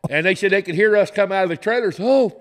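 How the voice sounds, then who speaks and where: A man's voice: sits high, fast, fairly bright tone, slight background noise. A middle-aged man with a Southern accent, telling profane, laughing stories as a guest on a podcast. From Florida, US. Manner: folksy, profane, laughs through his stories. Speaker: podcast guest, former game warden. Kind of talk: casual storytelling. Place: podcast set in a garage studio. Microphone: studio mic on boom arm, headphones.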